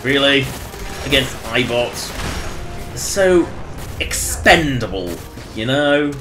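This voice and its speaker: A man's voice: medium pitch, animated, takes it slowly. A man livestreaming a game with casual, rambling commentary. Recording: roomy echo, faint game music behind.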